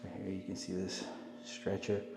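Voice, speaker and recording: Low flat-voiced man touring a ruin. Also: moderate pace, vocal fry, background noise. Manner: casual, hesitant, pointing things out with fillers. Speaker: urban explorer vlogger. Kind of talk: walkthrough narration. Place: inside an abandoned hospital.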